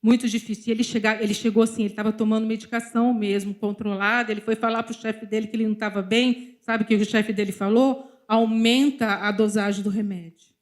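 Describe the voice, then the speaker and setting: A woman with a Brazilian Portuguese accent preaches in a somewhat high voice. She is middle-aged and tells personal stories to a church congregation, turning to speak straight to them again and again. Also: level tone, quick pace, hardly any pauses. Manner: storytelling, often addressing the congregation directly. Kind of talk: sermon with personal testimony.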